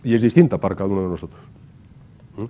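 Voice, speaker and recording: A man lectures to his class in a mellow, dark voice, walking through the material step by step. He keeps checking in with rhetorical questions. The recording is muffled and lo-fi. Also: deep voice, expressive, fast, slight background noise. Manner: explanatory, asks rhetorical questions with frequent tag "¿no?". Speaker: university lecturer.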